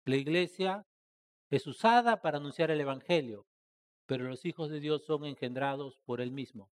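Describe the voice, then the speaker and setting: A man preaching a church sermon, asking rhetorical questions and addressing the congregation as brothers, swinging between loud stressed phrases and soft trailing endings. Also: on the high side, moderate pace.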